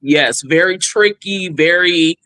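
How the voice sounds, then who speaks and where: A woman's voice: fairly low pitch, slow, dry recording. A woman in her thirties from California, telling her story candidly in an interview and acting out quotes. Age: 30s. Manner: expressive, animated, acts out quotes. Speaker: guest.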